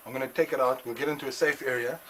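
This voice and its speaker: A man's voice: mid-range voice, fairly even intonation, very fast, background noise. A South African man working as a snake catcher, giving casual, matter-of-fact hands-on instruction and explanation. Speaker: snake catcher and wildlife guide.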